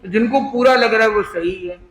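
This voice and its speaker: A man teaching a workshop class, slowly breaking sounds into syllables and asking the listeners questions. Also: high voice, a bit bright. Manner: slow, syllable by syllable, quizzing the class. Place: workshop room with an audience. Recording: echoey room.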